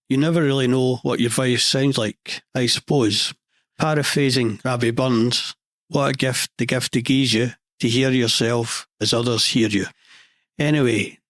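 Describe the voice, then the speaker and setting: Deadpan Scottish man with a monotone voice. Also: mid-range voice, no echo. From Scotland. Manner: dry, deadpan humour. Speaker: podcast host. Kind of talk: scripted podcast monologue.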